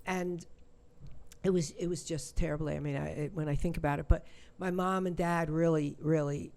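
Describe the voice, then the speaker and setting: A woman, a shamanic healer, telling a personal story in an interview, halting and emotional, with many restarts and repetitions. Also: low-pitched, fairly even intonation, a little mellow.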